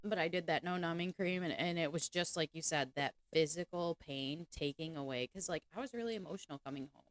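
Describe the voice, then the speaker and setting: A woman from Chicago talks in an open, chatty way and laughs easily. Her voice sits very low for a woman. The sound is dry and close, with no room echo. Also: fairly quick. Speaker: guest, convention organizer. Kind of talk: casual podcast chat.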